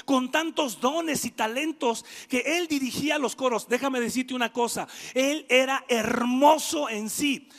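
Male preacher, very high gravelly voice, lively youth sermon, echoing church hall. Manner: animated, jokes and asides, shouting for emphasis. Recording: long echoing hall reverb.

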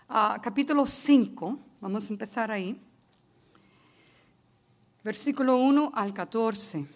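Slow-speaking woman preaching a sermon. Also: a little high. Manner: storytelling, rising to emphatic declarations; mixes English words into her speech.

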